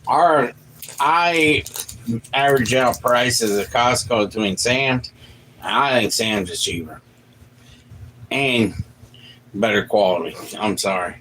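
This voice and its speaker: Slow-talking man in his late forties. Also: mid-range voice, expressive, fairly bright tone, a little hiss or hum, poor audio. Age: late 40s. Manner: easygoing, laughs often. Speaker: co-host of a family livestream. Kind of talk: casual livestream chat.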